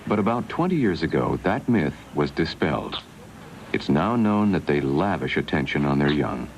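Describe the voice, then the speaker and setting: A man with a very low voice narrates a wildlife documentary in a measured, unhurried way. His pitch moves expressively from line to line. The sound comes from a worn VHS tape copy with steady hiss underneath. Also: creaky.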